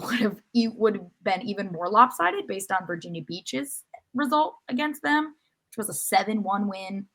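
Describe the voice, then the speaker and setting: On a sports podcast, a female co-host runs through match recaps in an informal, gently teasing conversational style. Her voice is mid-range and a bit bright.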